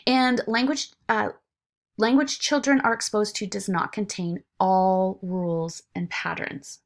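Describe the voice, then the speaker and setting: A woman's voice: mid-range voice, steady tone, measured pace. A woman lecturing informally to her students, with frequent fillers and restarts. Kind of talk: recorded online lecture.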